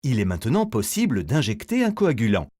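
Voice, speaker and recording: Speaking briskly at medium pitch, a male voice-over artist reads a scripted educational piece. He walks through every step in a teaching manner, his intonation strongly animated with broad rises and falls.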